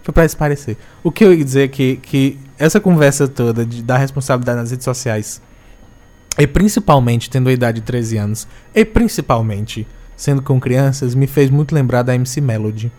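A man's voice: medium pitch, normal speed, a little mellow. Chatty man telling a story. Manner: chatty storyteller, self-correcting, joking asides. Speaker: co-host. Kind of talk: casual discussion on a live stream.

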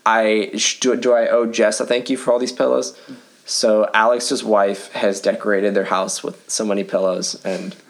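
A man co-hosting a faith podcast in casual chat, talking quickly and laughing often, recorded in a living room full of pillows. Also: lowish voice, little pitch movement. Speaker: podcast co-host.

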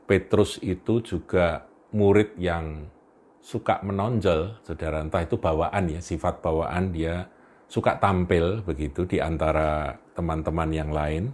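Preacher man with a really low voice, chatty sermon, keeps chuckling and talking to the congregation. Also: fairly even intonation, a little slow, darkish tone. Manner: storytelling, chuckling, addresses listeners as brothers.

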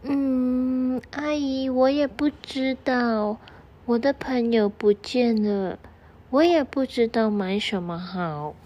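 Storybook role: a woman playing a timid little boy mouse, high-voiced, slow and hesitant, prone to stammering. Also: warm tone. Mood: unsure. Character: anxious, indecisive little male mouse. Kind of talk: storybook narration.

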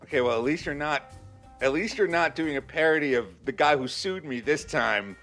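A young adult man co-hosting a podcast, animated and sarcastic in casual banter, acting out quoted lines. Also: a little high, moderate pace, soft background music. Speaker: podcast co-host.

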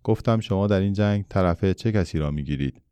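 A curious, troubled little boy from a storybook, earnest and full of questions, as a man puts him on in a reading. The voice stays deep and mellow, with a smooth, resonant tone. It sounds dry and close. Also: no echo, natural voice. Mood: indignant.

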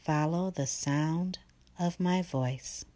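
A woman guiding a relaxation meditation in a soft, slow, partly whispered delivery. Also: low-pitched, no room sound. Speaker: meditation guide.

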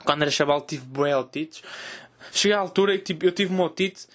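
A young man with a European Portuguese accent telling a crude comic story in a casual, animated way. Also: a little high, a little fast. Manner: animated, crude joking, loud cries in retold scenes. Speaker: host.

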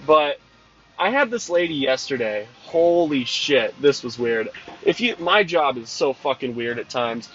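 A man's voice: medium pitch, sing-song, a little slow, a bit bright. A twenty-year-old man telling a casual, profane, exasperated story about his snow cone truck job. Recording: dull lo-fi sound with faint music.

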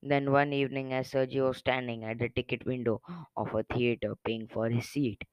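A man's voice: medium pitch, little pitch movement, moderate pace, smooth, no echo, highs cut off. A man reading a short story aloud in a plain way, with occasional slips and restarts. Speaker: reader.

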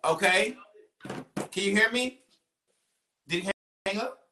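A woman's voice: mid-range voice, unhurried, bright, forceful tone, a little hiss or hum. Woman, podcast host, teasing, laughs a lot, echoey room. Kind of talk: casual chat. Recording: echoey room, distant mic.

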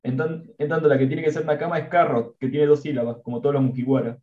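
A man's voice: fairly high pitch, steady tone, fast talker, reverberant, far from the mic, highs cut off. A man with a Rioplatense Spanish accent, co-hosting a casual manga chat, joking and swearing offhandedly. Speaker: podcast co-host.

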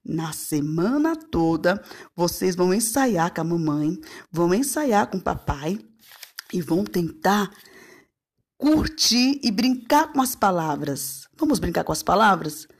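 A woman's voice: lowish voice, very animated, a little slow, slightly rough. A woman, a preschool teacher talking in a playful, singsong way to young children. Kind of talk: lively talk to young children.

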